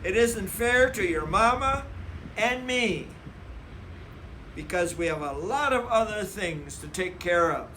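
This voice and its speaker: Male reader as storybook papa bear: firm but fair, emphatic, raised and forceful, measured pace. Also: high-pitched, animated, a little hiss or hum, pitched above the performer's own voice, full character voice, poor audio. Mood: stern, exasperated. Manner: emphatic, lecturing.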